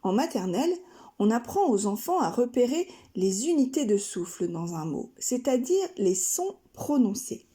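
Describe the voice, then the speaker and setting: A woman from France, a kindergarten teacher narrating a scripted lesson, speaking slowly and carefully articulating each syllable. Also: on the high side, sing-song, mellow. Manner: slow, carefully articulated, splitting words into syllables.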